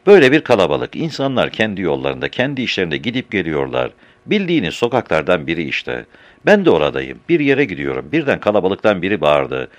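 Low-voiced man reading a story aloud. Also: a little fast, no room sound. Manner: animated, varying voice for each character. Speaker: narrator.

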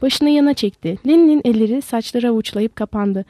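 Woman narrator for a novel, warm and mellow, dry close mic. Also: a little high, a little fast, dry recording. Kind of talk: audiobook narration.

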